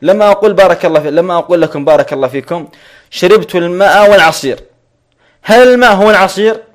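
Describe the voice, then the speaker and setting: Man, grammar teacher, fairly high voice, repeats points patiently. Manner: repeats each point slowly, checks "clear?", chuckles with students. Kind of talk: online grammar lesson.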